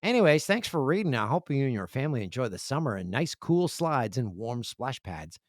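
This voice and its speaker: A man's voice: mid-range voice, fairly quick, dry recording, clean studio sound. A man hosting a podcast in casual chat, reading listener emails and telling jokey, rambling stories on a podcast microphone indoors. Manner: jokey, rambling, animated storytelling. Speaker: podcast host. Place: indoor room with a video setup.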